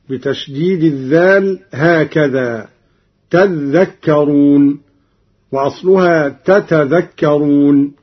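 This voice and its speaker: Male recitation teacher, husky, unhurried explanations with drawn-out recited examples, lo-fi audio. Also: a little high. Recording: dull lo-fi recording.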